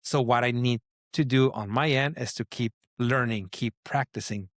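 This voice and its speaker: Speaking at a moderate pace and medium pitch, the Mexican designer, a native Spanish speaker with a heavy accent, tells a meandering story as an interview guest. The conversation is casual, and his telling is riddled with fillers and restarts. The sound is dry and studio quality.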